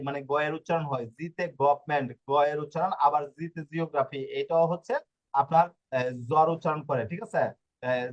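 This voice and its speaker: A man's voice: on the high side, lo-fi sound. A man teaching a language lesson, going over each letter again and again and often stopping to check that students follow. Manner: repetitive, stops to ask "ঠিক আছে?". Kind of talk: teaching Italian letters to Bengali speakers.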